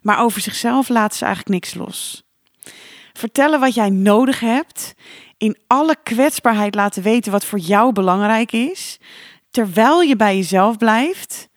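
A woman hosting a solo podcast as a coach, talking in a calm, reflective and encouraging way with the odd filler sound. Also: on the high side, a little slow, dry recording, clean studio sound.

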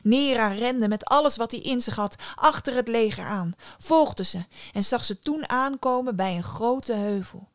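A woman narrating a folk tale in a hushed, dramatic storytelling manner. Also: a little high, unhurried, hardly any pauses, no room sound, studio quality.

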